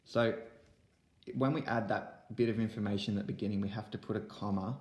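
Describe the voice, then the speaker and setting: A man's voice: fairly low pitch, steady tone, a little fast, echoey room. A young man teaching an online lesson to young pupils from home, explaining step by step into a laptop webcam. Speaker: primary school teacher. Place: room at home.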